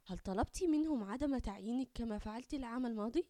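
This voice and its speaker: A woman voicing a shy schoolgirl who speaks softly and sounds childlike. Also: fairly high pitch, sing-song, a little fast, no echo. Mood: cheerful. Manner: soft-spoken, childlike. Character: shy dark-skinned schoolgirl.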